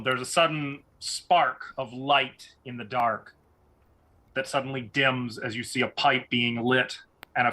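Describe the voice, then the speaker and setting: A man's voice: medium pitch, sharp tone. A man narrating a tabletop fantasy game as game master.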